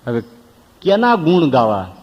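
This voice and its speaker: A man voicing a humble merchant who apologizes in a low, soft voice, as a figure in a sermon story. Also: wildly swooping pitch, a little slow. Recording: long reverb, dull lo-fi sound.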